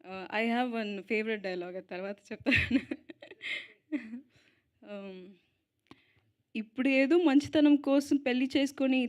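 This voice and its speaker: A young woman speaking at an event on stage into a mic, switching between Telugu and English, halting with fillers and little giggles, slow and heartfelt. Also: fairly high pitch. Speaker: lead actress giving a speech. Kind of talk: emotional stage speech at a film event.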